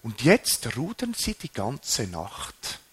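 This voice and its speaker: A man preaching a sermon, animated, his voice rising and dropping sharply for emphasis. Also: mid-range voice, takes it slowly, slightly rough.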